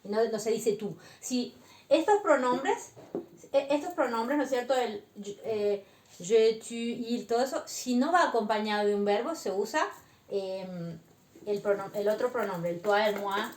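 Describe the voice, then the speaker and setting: A woman teaching beginner French, explaining slowly and patiently and often checking that her students follow. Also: on the high side, darkish tone, echoey room, a little hiss or hum. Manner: slow, patient explaining with frequent check-ins. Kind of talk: beginner language lesson.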